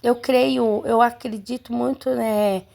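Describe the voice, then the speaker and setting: A woman's voice: a little high, steady tone, takes it slowly, vocal fry, a little mellow. A woman, a home seamstress telling her viewers a personal story in a chatty way, full of fillers and asides to her audience. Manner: chatty, keeps addressing viewers, many fillers.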